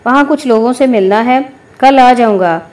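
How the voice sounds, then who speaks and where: A woman's voice: fairly high pitch, a little mellow, lightly acted. A woman voicing a determined male union worker in a story, speaking firmly and curtly. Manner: firm, curt.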